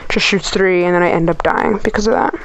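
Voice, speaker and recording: A woman's voice: fairly low pitch, steady tone, fast, gravelly, slight background noise, rough recording. A woman giving casual, hesitant gameplay commentary, rambling and trailing off, with audible heavy breathing between phrases. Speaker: gamer, first-time video creator.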